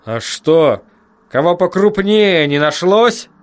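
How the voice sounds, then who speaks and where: A man's voice: high voice, expressive, slow, pitched above the performer's own voice. A man voicing a cool, dry adult sorcerer who speaks curtly and with detachment, in an audiobook. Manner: curt, detached.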